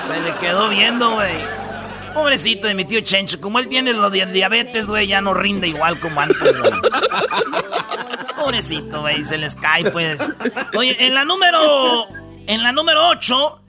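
A man's voice: high voice, animated, moderate pace, over loud music. A man with a Mexican Spanish accent hosting a radio comedy show, rambling through the news in slangy, jokey storytelling. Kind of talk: comic news rundown.

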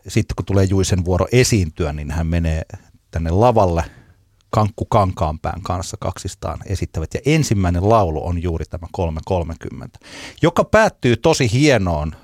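A man co-hosting a podcast, casually telling a long anecdote in a relaxed storytelling way. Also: low-pitched, dry recording, clean studio sound. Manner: relaxed storyteller, laughs at his own tale. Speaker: podcast co-host.

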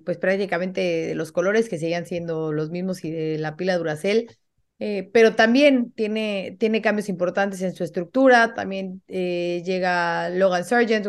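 A woman hosting a podcast in casual chat, explaining things for listeners in a measured way with "eh" and "pues" fillers. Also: on the low side. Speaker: podcast host.

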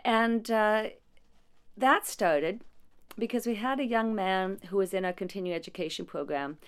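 Smooth-voiced woman telling stories. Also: medium pitch, moderate pace. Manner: warm storytelling with frequent restarts and small laughs. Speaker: director at a non-profit support agency. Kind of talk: conversational interview answer.

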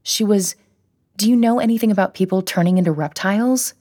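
A woman voicing an anxious, earnest young granddaughter who pleads in a raised, quick voice. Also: mellow, no echo, clean studio sound, natural voice. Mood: pleading, anxious. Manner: pleading, higher and quicker than the narration.

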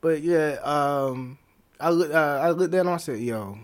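A man in a casual interview, talking about dance in a relaxed, rambling way full of fillers and slang. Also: fairly high pitch, normal speed, clean tone. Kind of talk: casual conversation.

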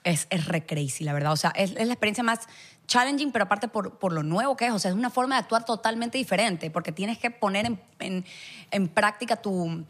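A woman from Guayaquil talks with a strong local accent, animated as she tells her stories. Her voice sits in the middle range. She keeps slipping English words into her Spanish. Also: medium pitch, a little fast. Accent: Guayaquil Ecuadorian Spanish. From Ecuador, Guayaquil. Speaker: guest actress. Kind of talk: casual chat.

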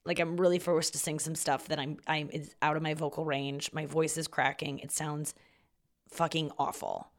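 A woman with a low-pitched voice and vocal fry that sits in the back of her throat. She talks casually as a podcast host, rambling along in a self-deprecating way and swearing freely. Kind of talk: casual solo podcast monologue.

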